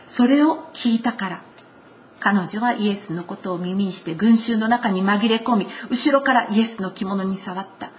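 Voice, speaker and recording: A woman preaching a conversational sermon with a Kansai accent, voicing quoted lines with shifts in pitch. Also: normal speed, slight background noise. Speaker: pastor.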